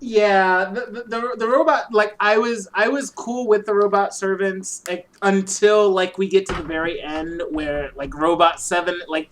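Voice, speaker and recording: A woman's voice: mid-range voice, fairly even intonation, measured pace, few pauses, a little hiss or hum. A woman co-hosting a podcast, talking casually about a movie, full of fillers and freely swearing. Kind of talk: casual movie review chat.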